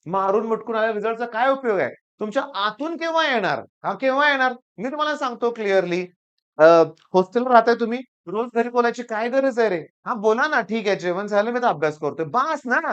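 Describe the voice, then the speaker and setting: A man's voice: extremely high pitch, fairly bright tone, clean tone. Stern lecturing male teacher, muffled sound. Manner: stern, lecturing, repeats phrases for emphasis. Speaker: coaching class teacher. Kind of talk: scolding motivational talk to students. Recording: dull lo-fi recording.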